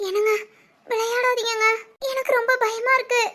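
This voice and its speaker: A woman's voice: very high-pitched, little pitch movement, normal speed, fairly bright tone. A woman playing a frightened young pregnant wife who stammers and hesitates in a village family drama. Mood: fearful.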